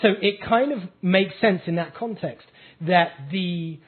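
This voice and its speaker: A man's voice: sits high, unhurried. A man from the United Kingdom interviewing in an analytical, conversational way, summarizing as he goes. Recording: phone-like, muffled thin line.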